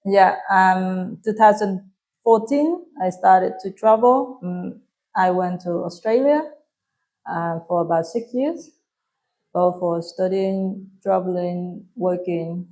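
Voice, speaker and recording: A woman in her thirties with a Vietnamese accent, answering interview questions in English softly and with frequent hesitations. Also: lowish voice, takes it slowly. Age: 30s. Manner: soft-spoken, hesitant with frequent ums. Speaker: guest.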